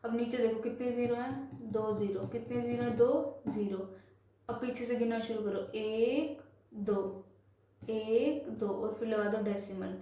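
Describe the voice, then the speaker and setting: A woman teaches a simple math lesson, patiently repeating each step and slowing down to read numbers digit by digit. Her voice sits fairly high but sounds soft and mellow. The recording is very echoey, as if made in a bare room. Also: fairly even intonation. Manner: patient, repetitive, slows to spell out numbers.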